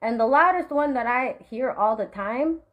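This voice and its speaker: Young Marshallese woman, slightly high voice, profane, threatening vlog rant with quiet menacing dips. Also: animated, normal speed, highs cut off. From Marshall Islands. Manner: drops to a low menacing murmur. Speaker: vlogger. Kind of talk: angry direct-to-camera rant.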